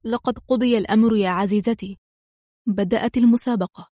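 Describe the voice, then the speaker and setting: A woman reading the lines of a bold, joking male secret agent, calm and confident in a dry, close recording. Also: fairly high pitch, brisk, dry recording, close to an everyday voice. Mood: calm teasing.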